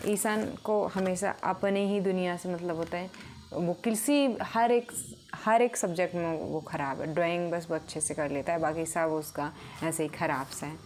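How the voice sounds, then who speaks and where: A woman narrating a story in a relaxed, unscripted way, pausing on fillers as she goes. Her voice sits a little low. A faint hiss runs under the recording.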